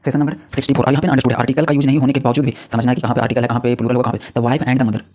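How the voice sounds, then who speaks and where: Fast-talking male grammar teacher. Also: medium pitch, little pitch movement, a little mellow. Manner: rapid explaining, mixing Hindi with English example sentences. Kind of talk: classroom grammar lesson.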